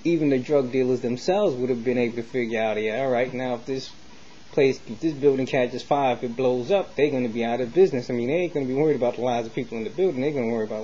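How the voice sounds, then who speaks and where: An American man rambles through a casual vlog monologue, sharing his opinions in colloquial speech full of street slang and circling back to repeat himself. His voice is medium in pitch and mellow with a breathy edge, and the recording sounds dull and lo-fi with faint noise.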